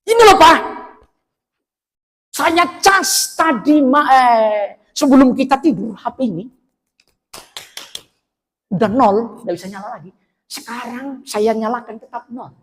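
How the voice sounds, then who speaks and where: Shrill sobbing wife. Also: male voice, unhurried, creaky, fairly bright tone, heavily acted. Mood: whiny excuse. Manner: shrill pleading sobbing falsetto. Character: whining, wailing middle-aged wife who overspent.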